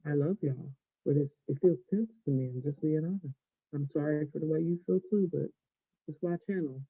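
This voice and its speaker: A man with an American accent and a very dark, soft-edged voice rambles casually as he eats, his mouth full. He speaks colloquially and without a filter, letting thoughts trail off. The sound is close and dry. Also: on the high side, fairly quick, slightly rough, dry recording, low-quality recording. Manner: colloquial, unguarded, trailing off and losing the thread; talking with a mouth full while eating. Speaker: vlogger.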